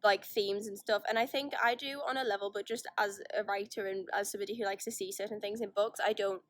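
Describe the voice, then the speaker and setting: A young woman chats casually in a holiday vlog, filming on the phone in her hand, rambling, poking fun at herself, and often restarting her sentences. Her mid-range voice is steady and quick, and the phone-video audio has no echo.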